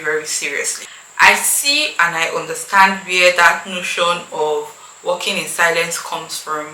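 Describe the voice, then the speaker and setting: A woman with a Nigerian accent talks casually and emphatically to her viewers, playing the opinionated YouTube host speaking straight to camera. Her voice is lowish, pushed and bright. The room is echoey, with faint background noise.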